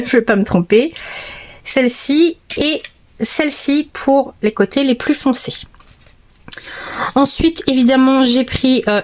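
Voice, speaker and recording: A chatty woman walks viewers through her craft supplies in a relaxed home tutorial. Her voice sits slightly high and she talks with plenty of hesitations and small restarts, recorded at her craft table under a lamp. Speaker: card-making tutorial host.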